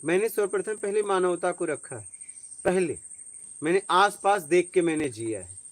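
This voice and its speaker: Man, spiritual teacher, informal talk, conversational storyteller, asks if you follow, slightly high voice. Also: normal speed, no room sound. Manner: conversational, tells personal stories, asks listeners if they follow.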